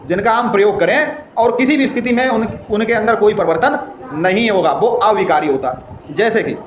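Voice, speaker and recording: A man's voice: high voice, expressive, normal speed. A man teaching a grammar lesson. He explains with everyday examples and asks questions as he goes. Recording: echoey room with faint noise.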